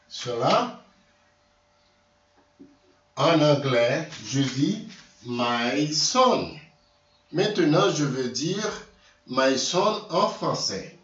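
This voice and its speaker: A man teaching vocabulary in a slow lesson, repeating words and correcting himself. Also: on the high side, fairly bright tone, slight background noise. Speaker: language teacher. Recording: distant echoey room, dull lo-fi sound.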